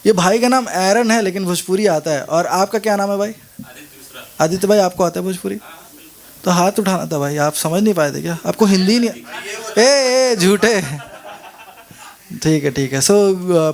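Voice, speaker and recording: A man's voice: high-pitched, measured pace. A man hosting an open mic event with a Hindi accent, joking with the audience and mixing in English. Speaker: event host. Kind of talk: casual stage hosting.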